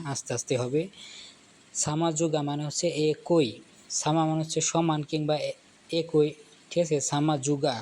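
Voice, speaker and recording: A man talks through a casual language lesson, repeating words and checking in with his listeners. His voice sits a little high for a man. A faint hiss of noise runs under the recording. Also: darkish tone. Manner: explains slowly, repeats words, often asks "ঠিক আছে?". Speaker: language teacher.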